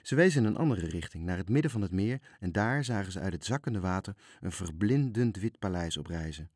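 Guy reading a kids' story, deep-ish and calm, dry sound. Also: fairly quick, husky, no room sound. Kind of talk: reading a children's story aloud.

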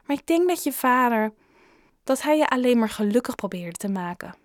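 A woman voicing a kind, gentle grown-up shopkeeper in an audiobook, coaxing and caring. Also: a little high, moderate pace, no room sound, pitched above the performer's own voice, close to an everyday voice. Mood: concerned. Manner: gentle, coaxing, sometimes lively. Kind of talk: audiobook character reading.

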